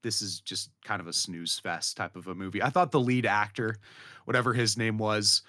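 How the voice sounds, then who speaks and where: A man's voice: fairly low pitch, normal speed, sharp tone, no echo, studio quality. A man co-hosting a movie podcast, talking in a laid-back casual way. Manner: laid-back, says "man" and "dude" often. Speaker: podcast co-host. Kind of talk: casual chat.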